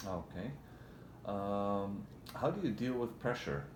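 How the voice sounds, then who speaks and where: Deep-voiced male interviewer in echoey room. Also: lively intonation, takes it slowly. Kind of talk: formal scripted interview questions. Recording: echoey room, faint background noise.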